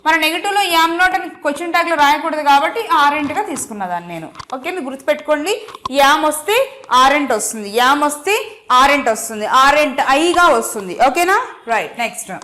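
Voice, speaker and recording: A woman with a Telugu accent teaching English grammar in an online exam-prep class. She dictates example sentences slowly and explains quickly in Telugu mixed with English, repeating key words and checking that students follow. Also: high voice, expressive, sharp tone, a little hiss or hum.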